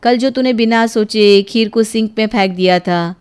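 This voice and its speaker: A woman voicing a strict, exasperated mother in a cartoon storybook, scolding in a shrill tone. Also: normal speed, a little mellow, smooth, close to an everyday voice.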